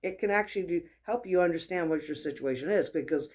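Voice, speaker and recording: A woman's voice: lowish voice, fast, darkish tone. Woman, host, casual spiritual teaching talk, chatty storyteller, acts out the dialogue she quotes. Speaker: host, wellness mentor.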